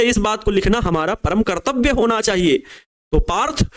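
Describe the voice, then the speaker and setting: A young man with a very high voice runs a physics crash course for board exams. He repeats key phrases slowly so students can write them down and nudges them along with casual asides, calling them babua and babu.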